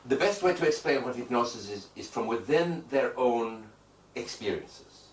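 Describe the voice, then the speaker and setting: The speaker is a hypnotherapist with a medium-pitched, expressive voice at normal speed. Answering interview questions, he makes emphatic, declarative points and repeats phrases for weight. The audio has echo, faint noise, and a distant mic.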